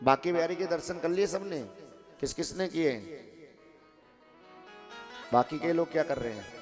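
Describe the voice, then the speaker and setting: A man's voice: on the high side, moderate pace, over music. A man telling a devotional story as a sermon to a seated audience, often asking them questions and calling out to listeners in the back. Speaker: kathavachak preacher. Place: ashram hall with a seated audience.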